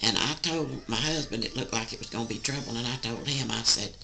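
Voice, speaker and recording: A sweet old lady in her eighties with a Southern US accent, reminiscing casually. Her voice is creaky and gravelly with a bright edge. She rambles in a folksy way, with faint noise on the recording. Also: extremely low pitch, brisk, low-quality recording. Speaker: grandmother recounting family stories. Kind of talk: casual oral storytelling.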